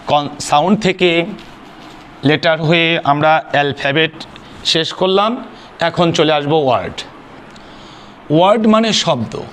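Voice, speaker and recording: A man's voice: a little high, animated, slow, long pauses, fairly bright tone. A man gives an English grammar lesson in a somewhat raised voice, asking questions and answering them himself. He spells words out letter by letter and slips English phrases into his explanations. A faint noise sits under the recording. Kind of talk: spoken classroom lesson.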